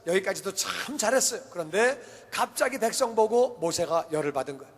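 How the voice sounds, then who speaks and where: A male pastor preaching a sermon in a church, telling the story with animated, acted-out quotes. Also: sits high, brisk, husky. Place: church sanctuary. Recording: long church hall reverb.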